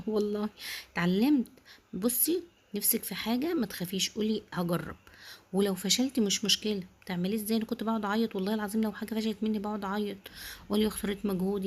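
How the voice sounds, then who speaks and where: A woman with an Egyptian Arabic accent hosting a home cooking video, chatting casually and warmly addressing viewers as sisters while explaining each step. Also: mid-range voice. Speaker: home cooking channel host.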